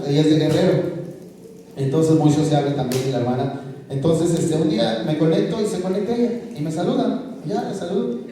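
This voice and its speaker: A man's voice: a little high, dark tone, slight background noise. A man giving an earnest personal testimony to a congregation, often checking in with "¿verdad?" as he tells his story. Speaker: church member giving a testimony. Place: large church hall. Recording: echoey hall from far off.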